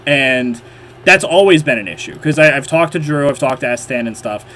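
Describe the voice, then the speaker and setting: At a normal speed, a man with a nasal, mid-range voice that's animated and a bit bright hosts a casual modding livestream. He rambles a lot, filling his chat with fillers and restarting sentences. A little hiss or hum sits under the audio.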